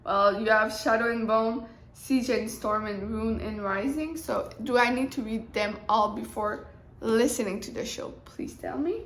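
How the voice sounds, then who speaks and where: A woman's voice: fairly high pitch, measured pace, fairly bright tone. A young woman chatting casually as a book vlogger, rambling and often breaking off mid-sentence. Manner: rambling, chatty, self-interrupting. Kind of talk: casual chat. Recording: roomy echo.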